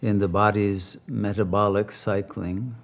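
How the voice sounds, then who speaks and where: Guiding a meditation, this male teacher speaks slowly and calmly, letting long silences fall between phrases. His pitch is fairly low.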